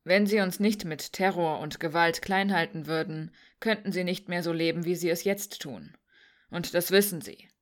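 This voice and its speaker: A woman voicing a cynical young man who grew up in the slums, speaking dryly and calmly. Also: on the low side, moderate pace, natural voice. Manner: dry, cynical.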